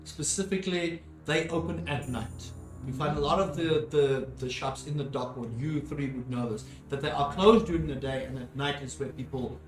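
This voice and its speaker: A man's voice: fairly high pitch, normal speed. A man running a tabletop fantasy game as game master, improvising narration and repeating phrases for emphasis. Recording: echoey room, faint music behind. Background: faint music.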